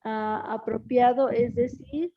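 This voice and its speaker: A woman, a student in a class, reading out word definitions in a slow, hesitant way. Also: a little high, steady tone. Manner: reads definitions slowly, hesitant. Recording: dull lo-fi sound.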